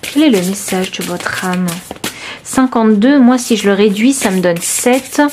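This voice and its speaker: A woman reading tarot cards for her viewers, talking straight to them in a searching, reassuring way with many pauses and restarts. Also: mid-range voice, noisy background. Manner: intimate, reassuring, addresses viewer directly. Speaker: tarot reader. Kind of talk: intuitive tarot reading to camera.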